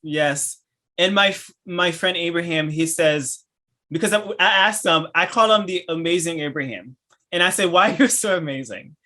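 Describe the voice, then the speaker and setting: A man with a Haitian accent, whose first languages are French and Haitian Creole, hosts a casual interview podcast with enthusiasm and frequent laughter. His bright, ringing voice sits a little high, and his phrases come in halting bursts with frequent restarts.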